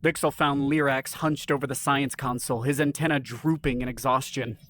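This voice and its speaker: Even-voiced man narrating sci-fi. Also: medium pitch, normal speed, dry recording. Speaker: story narrator. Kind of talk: scripted sci-fi story narration.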